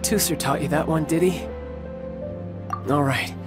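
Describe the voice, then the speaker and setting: A man's voice: fairly high pitch, measured pace, natural voice. A man playing a cocky young warrior, music behind. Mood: wistful. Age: young adult. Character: cocky, devoted young warrior and big brother. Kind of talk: video game voice acting. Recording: background music over studio voice. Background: loud game music.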